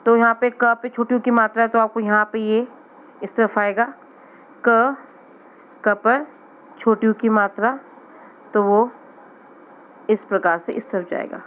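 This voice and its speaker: A woman teaching young children to read, slowly sounding out each letter and word. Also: a little high, fairly even intonation, clean tone, muffled recording. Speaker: primary school teacher. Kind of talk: children's reading lesson.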